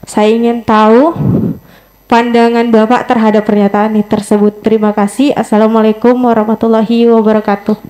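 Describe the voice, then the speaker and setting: A woman from North Sumatra asking a question from the audience, careful and halting with many fillers. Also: fairly high pitch, flat delivery, warm tone, low-quality recording.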